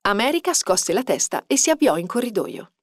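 Female audiobook narrator, expressive lively delivery, dead-dry close mic. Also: medium pitch, fairly quick, no echo. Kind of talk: scripted narration.

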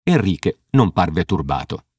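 Male narrator, audiobook reading, low voice, lively intonation, dry close sound. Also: unhurried, breathy edge, no room sound. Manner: expressive.

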